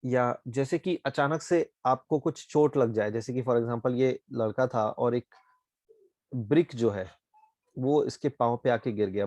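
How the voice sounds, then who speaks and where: A man's voice: mid-range voice, darkish tone, no room sound. Indian man teaching Japanese, dry voice. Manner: explains slowly, checks with "ठीक है?" often. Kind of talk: online class explanation.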